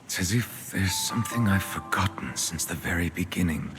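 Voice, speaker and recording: A man plays an ageless, solemn judge in a game trailer. His deep, low voice is slow and measured. He speaks over a loud orchestral score. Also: over music, close to an everyday voice. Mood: pensive. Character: ageless solemn male chief justice.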